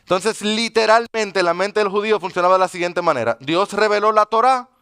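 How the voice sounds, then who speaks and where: A man's voice: high voice, brisk, bright, forceful tone, clear, resonant tone. A male pastor preaching a sermon, teaching with frequent questions to the congregation in a church.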